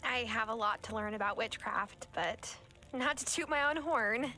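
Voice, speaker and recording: A friendly young witch from a cozy video game, with a high, bright voice. She speaks in an encouraging, supportive way. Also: moderate pace.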